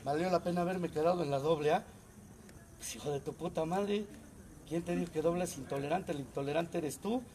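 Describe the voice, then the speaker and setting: This Mexican-accented speaker shares a crude, humorous testimony at a recovery group, going back and forth between low muttering and loud ranting shouts. His pace is fairly quick, and a slight hiss or hum runs under the recording.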